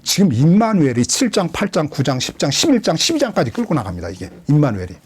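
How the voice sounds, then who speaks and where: A man's voice: on the high side, fast, a little hiss or hum. A man preaching an expository sermon as a pastor, questioning his listeners and acting out quoted lines. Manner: lively, questioning the congregation, dramatic quoted voices.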